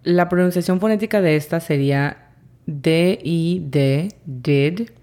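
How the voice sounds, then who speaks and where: Woman, English teacher, low voice, unhurried, repeats phrases. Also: warm tone. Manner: spells out sounds letter by letter, repeats phrases slowly. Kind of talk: slow, careful language lesson.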